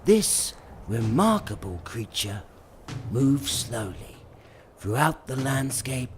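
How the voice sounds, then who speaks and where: Nature film narrator voiced by a man, male, hushed and measured, very slow, lively pitch, music underneath. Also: a little hiss or hum. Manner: hushed, measured documentary delivery. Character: male wildlife documentary narrator.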